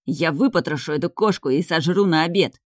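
A woman's voice: deep voice, brisk, no room sound, clean studio sound. A woman voicing a cruel, mocking young man in an audiobook, sneering and barking orders. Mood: furious. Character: cruel mocking young dark-haired man, mad laugh.

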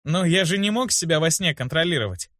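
A man's voice: fairly high pitch, expressive, quick pace, fairly bright tone, no room sound, voice pushed up. Audiobook: man doing a cocky boy hero, wry and self-assured, dry close sound. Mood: defensive. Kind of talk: audiobook character voice.

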